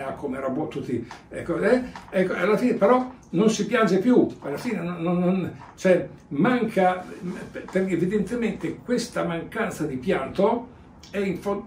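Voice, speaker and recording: A man's voice: on the high side, a little mellow. Male priest, homily, repetitive and conversational, reverberant church, distant mic with faint room hiss. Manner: rambling, repeats phrases, tags lines with "eh?" and "vedete". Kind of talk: sermon.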